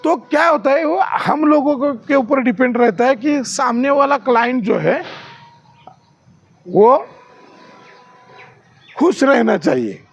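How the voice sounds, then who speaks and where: Guy training security guards, really high voice, gravelly, keeps asking the class stuff. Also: animated, takes it slowly, pauses often, dull audio. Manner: quizzes trainees with repeated questions; demonstrates rude and polite ways of speaking.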